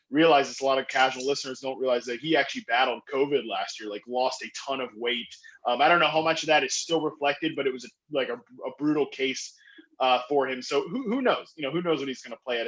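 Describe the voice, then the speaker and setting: Guesting on a podcast as a fantasy football analyst, this medium-pitched man speaks with excitable speed, constantly using fillers and starting over. The recording has its highs cut off.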